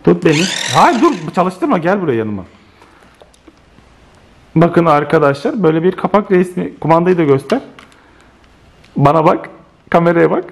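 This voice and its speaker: A man with a Turkish accent filming a family vlog at home with his child, talking in an animated, exclaiming way. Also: fairly high pitch, moderate pace, vocal fry, long pauses. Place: home living room.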